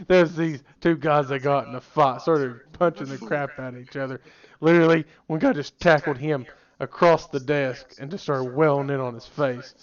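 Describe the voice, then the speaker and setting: A man's voice: on the high side, steady tone, normal speed, few pauses. A young man, co-hosting a podcast in casual chat. He rambles and often restarts his sentences. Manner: rambling, restarts sentences, shouts when quoting people. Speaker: podcast co-host. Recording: muffled lo-fi podcast audio.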